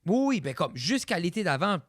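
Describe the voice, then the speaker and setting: A young Quebec French man chatting on a podcast. His voice sits a bit high and rises and falls a lot as he talks. He mixes English words into his French, recorded close and dry. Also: big pitch swings, fairly quick, dry recording. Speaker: podcast co-host. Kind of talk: casual chat.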